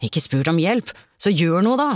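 A woman's voice: on the low side, big pitch swings, no room sound, clean studio sound. A woman voicing an angry man clinging to a rock in the sea, snapping demands for help in an audiobook reading. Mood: angry, strained.

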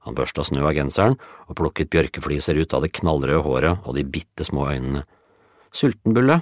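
A man's voice: extremely low pitch, steady tone, no room sound, clean studio sound. A man narrating a children's story in a playful storytelling cadence. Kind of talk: scripted audiobook narration.

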